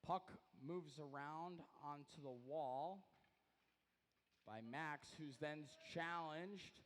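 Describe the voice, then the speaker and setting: A man's voice: fairly high pitch, slow, fairly bright tone. A man calling youth hockey play-by-play as the rink announcer, his mic cutting out so the volume comes and goes. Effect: mic cutting out, uneven volume. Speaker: arena announcer. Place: ice rink. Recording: long echo of a big rink.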